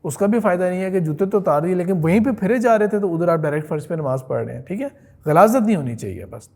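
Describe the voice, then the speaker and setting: A man's voice: high voice, expressive, creaky, darkish tone. A man giving a religious history lecture in a conversational way, often checking in with his listeners and mixing in English words.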